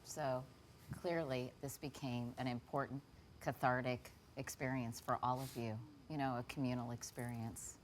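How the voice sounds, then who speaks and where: A woman hosting a talk show, asking measured, probing interview questions. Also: a bass voice, fairly even intonation, a little hiss or hum.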